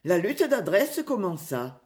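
A woman narrating a classic adventure novel as an audiobook reader, in an expressive, clear reading style. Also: mid-range voice, slow.

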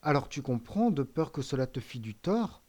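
A man reading an audiobook, voicing a poor, frail old father with a soft, weary voice. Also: mid-range voice, sing-song, normal speed. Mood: weak, tender. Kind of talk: audiobook character voice.

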